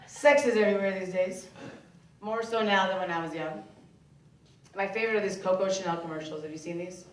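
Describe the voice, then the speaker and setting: A young woman from Michigan performing a stand-up comedy set in a club, playful and animated, slipping into voices of other people. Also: mid-range voice, fairly quick. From Michigan, USA. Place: comedy club stage before a laughing audience. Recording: roomy, distant club recording with noise.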